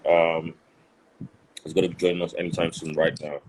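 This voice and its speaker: A low-voiced man hosts a live online interview over a video call. He greets viewers with repeated, stretched-out phrases and an upbeat manner. A faint background hiss sits under his voice. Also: level tone, fairly quick, a little mellow, low-quality recording. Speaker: host.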